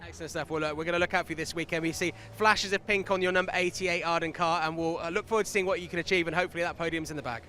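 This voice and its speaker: A man's voice: on the high side, steady tone, rapid-fire, hardly any pauses, pushed and bright, slight background noise. A man presenting a motor race broadcast, chatting upbeat with drivers and his co-commentator. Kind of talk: trackside broadcast interviews.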